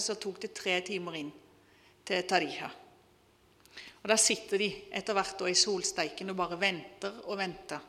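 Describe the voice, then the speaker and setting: A woman preacher retelling a testimony in an earnest, measured sermon style. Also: mid-range voice, pushed and bright, long reverb tail. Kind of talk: sermon storytelling.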